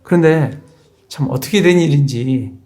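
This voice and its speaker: A middle-aged male pastor giving a measured, explanatory sermon in a church, reading scripture aloud. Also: a little high, darkish tone.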